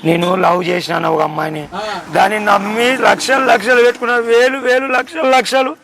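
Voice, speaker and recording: Outdoors on a street with crowd noise around, a young man pulls a prank by playing a heartbroken guy, pleading and repeating himself with question after question. His voice is high-pitched and steady, quick, with vocal fry.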